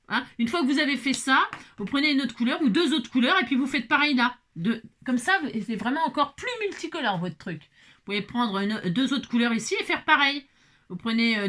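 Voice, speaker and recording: Chatty, lively-voiced woman craft teacher. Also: fairly high pitch, a little hiss or hum. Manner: chatty, many fillers and self-corrections, laughs at herself. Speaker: craft tutorial host. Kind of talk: casual step-by-step craft demonstration.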